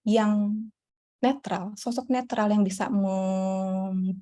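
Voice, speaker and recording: A woman psychologist answering audience questions in a relaxed, explanatory talk, with frequent fillers and a style touch. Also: medium pitch, slow pace. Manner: warm explanatory, many fillers. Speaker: psychologist guest. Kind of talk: casual Q&A talk.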